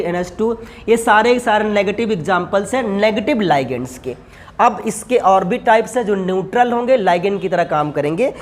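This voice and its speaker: Writing on a board as he lectures, a male chemistry teacher keeps asking his class questions and then supplying the answers himself. He speaks to students in a familiar way, calling them son and brother, and his voice sits high.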